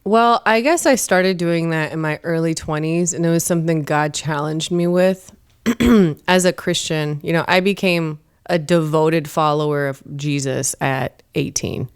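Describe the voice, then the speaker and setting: A comedian and performer appears as a podcast guest in a studio, speaking in a casual interview. Her voice is low and very clear, a little slow, and she comes across as earnest, emphatic and preachy about faith.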